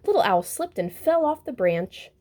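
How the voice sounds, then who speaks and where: A woman reading a children's picture book aloud, gentle and expressive. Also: a little high, moderate pace. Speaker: storybook reader. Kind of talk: children's story read-aloud.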